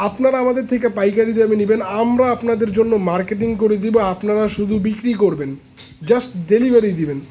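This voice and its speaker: A man from Bangladesh giving a casual sales pitch, persuasive and repetitive, pointing out products as he talks. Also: fast, dark tone, slight background noise, rough recording. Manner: persuasive, repeats points, shows products while talking. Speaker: seller pitching a pigeon feed dealership.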